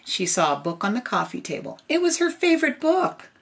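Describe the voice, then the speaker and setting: Older woman, grandma storyteller, unhurried, lively pitch swings over a creaky voice. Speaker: grandmother reading a picture book aloud. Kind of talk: storybook read-aloud with casual asides.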